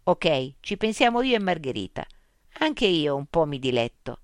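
Lady reading as a bold confident woman scientist, brisk and amused, dry sound. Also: deep voice, big pitch swings, smooth, no echo. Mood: forthright.

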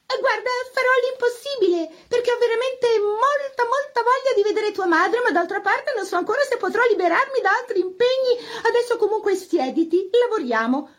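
A woman voicing a spinster piano teacher who is envious and gushes with false sweetness, in a very high voice. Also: expressive, a little fast, hardly any pauses. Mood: gushing envious.

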